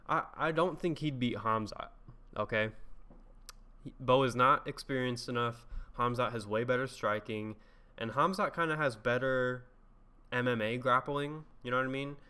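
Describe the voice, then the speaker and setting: A man talks through his picks in a loose, casual commentary monologue. His voice is bright and forward, and his talk is chatty, full of laughs and freely dropped swearing. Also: medium pitch, moderate pace, clear, resonant tone. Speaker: MMA commentary YouTuber.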